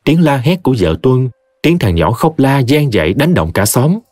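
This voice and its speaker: A man's voice: mid-range voice, normal speed, no echo. A man, expressively narrating a scripted horror story. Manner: expressive, vivid.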